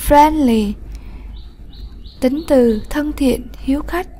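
A woman teacher giving a lesson, explaining slowly, patiently and clearly. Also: sits high, mellow, slight background noise. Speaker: English teacher. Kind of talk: classroom lesson narration.

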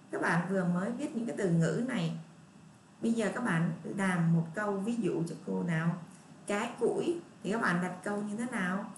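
A woman teacher, patiently leading a first-grade lesson and repeating words slowly for young children. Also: mid-range voice, distant mic. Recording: echoey room, voice off-mic, faint noise.

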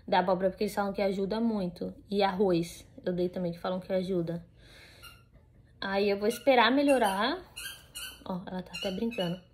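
A woman's voice: mid-range voice, a little fast. A young woman with a Brazilian Portuguese accent, chatting casually to the camera at home. She rambles, with many fillers and restarts. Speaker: vlogger.

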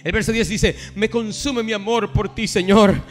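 A man's voice: high voice, fairly even intonation, normal speed, faint music behind. A man preaching a sermon as a pastor, building to an impassioned, declaiming intensity. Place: livestreamed from a church or studio.

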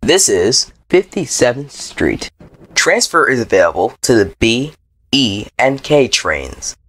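A man reading scripted transit announcements like a subway or airport announcer, in a formal, measured manner. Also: medium pitch, sing-song, a bit bright, husky, no room sound. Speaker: train announcer.

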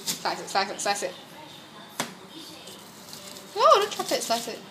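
A woman's voice: medium pitch, wildly swooping pitch, unhurried. A young woman chatting casually while cooking and filming in a small home kitchen at night, teasing her friend about how she cuts the food. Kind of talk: casual chat. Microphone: handheld phone camera. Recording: noisy kitchen with sizzling pan.

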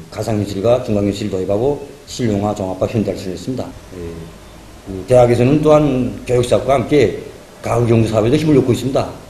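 Middle-aged male dean, North Korean accent, mellow voice, formal interview in an echoey room. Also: medium pitch. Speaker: college dean. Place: indoor office. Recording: echoey room with faint noise.

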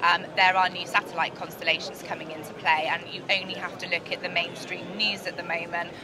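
A British company director in middle age, responsible for sales and marketing, speaks with a fairly low pitch and a flat delivery during a promotional interview. The handheld mic sits at chest level, and the large trade show hall is loud and bustling as she explains in a measured corporate way.

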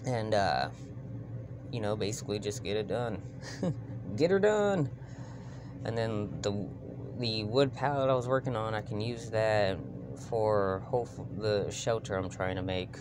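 A man with a Texan accent rambling casually to his phone camera outdoors at night, with many fillers and casual swearing. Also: medium pitch. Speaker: homesteading vlogger. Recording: outdoor night with clear background noise.

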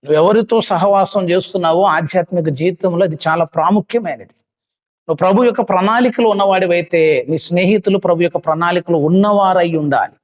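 A man's voice: high-pitched, a little fast. A man preaching a sermon at a youth meeting, retelling a story dramatically with impassioned rising cries. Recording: hall with long reverb.

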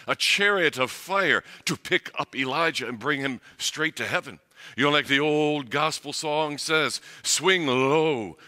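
A man's voice: medium pitch, sharp tone. A man preaching a sermon as a pastor, with a swelling, lyrical cadence, then leading a prayer. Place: church sanctuary. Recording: long church hall reverb.

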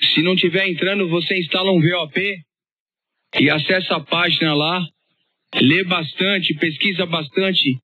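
A man's voice: fairly high pitch, bright, forceful tone, slightly rough, no echo. A Brazilian man chatting in a chummy, colloquial way as a ham operator over two-way radio. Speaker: amateur radio operator leading the exchange. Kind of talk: casual ham radio chat. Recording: dull, band-limited shortwave radio audio.

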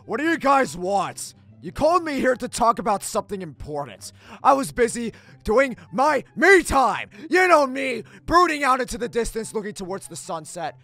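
A man as frantic, high-pitched edgy hedgehog. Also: sing-song, normal speed, bright, forceful tone, no echo, exaggerated voice. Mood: grumbling. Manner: stammering, overwrought, repeats himself. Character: edgy, brooding male hedgehog, panicky and easily disgusted. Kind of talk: comic dub voice acting.

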